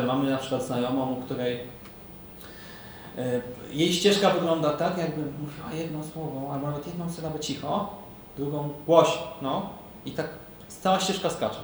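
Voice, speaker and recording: A man chatting casually as a podcaster in a panel talk, explaining his points with examples. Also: a little high. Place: room with other podcasters, recorded live. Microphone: shared handheld recorder. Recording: very echoey room, distant mic, faint hiss.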